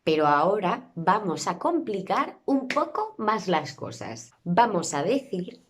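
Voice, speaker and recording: Woman, Spain Spanish accent, patient language teacher, animated pitch, unhurried delivery. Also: slight background noise. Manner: slow, careful modeling of sounds. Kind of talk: pronunciation lesson.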